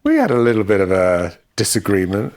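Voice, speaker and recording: A man's voice: lowish voice, wildly swooping pitch, fast talker, a little mellow. A man co-hosting a podcast, telling band anecdotes in a dry, matter-of-fact way. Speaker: podcast co-host and musician. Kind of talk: casual storytelling chat.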